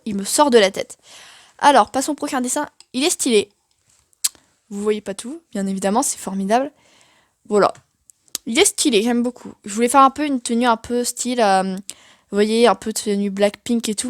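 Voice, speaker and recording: A woman's voice: a little high, no echo, studio quality. A young woman giving a casual, chatty tour of her sketchbook, self-mocking and full of fillers. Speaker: art vlogger.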